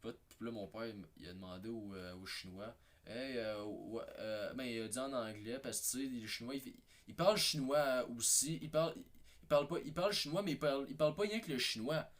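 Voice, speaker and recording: A man's voice: medium pitch, brisk. A man with a Québécois French accent telling a rambling comic anecdote, hesitant and repetitive, with many fillers and restarts. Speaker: comedy video maker.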